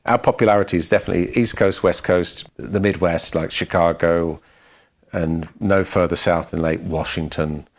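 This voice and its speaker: Deep-voiced man telling dry band stories. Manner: dry, matter-of-fact anecdotes. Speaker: podcast co-host and musician. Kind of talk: casual storytelling chat.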